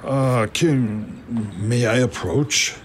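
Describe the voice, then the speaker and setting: An actor playing a deferential, nervous scheming official in a theatrical Bible drama. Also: male voice, medium pitch, drawn-out words, a little hiss or hum.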